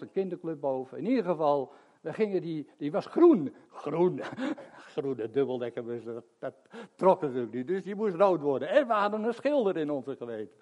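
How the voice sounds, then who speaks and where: An older man with a slightly high voice, speaking. He preaches in a relaxed, storytelling way and chuckles often as he explains his points. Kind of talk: sermon.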